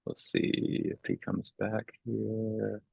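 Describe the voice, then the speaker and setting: A low-pitched man moderates an artist talk over a video call, chatty and quick to laugh. His speech is loose and full of filler words. The sound is dry and close, with no room around it. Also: flat delivery, creaky, breathy edge, no echo, muffled recording. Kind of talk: casual presenting.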